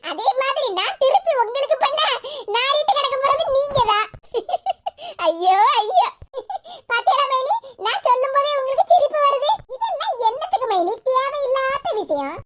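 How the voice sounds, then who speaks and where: A woman's voice: extremely high pitch, a bit bright. A woman voicing a talkative young co-mother-in-law who reasons at length, in a cartoon, with a Kanyakumari Tamil accent. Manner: talkative, explains at length, laughing.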